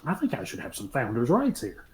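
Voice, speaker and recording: A man's voice: mid-range voice, huge pitch swings, a little fast, a crowd in the background. A man chatting casually as a podcast guest, joking and rambling with plenty of ums. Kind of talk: casual chat.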